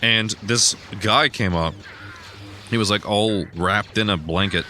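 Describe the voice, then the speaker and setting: Young guy rambling while gaming, kinda low pitch but really bright tone, faint hiss behind him. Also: unhurried. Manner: rambling, chatty storytelling with bursts of loud excitement. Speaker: gaming streamer. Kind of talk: casual let's play commentary.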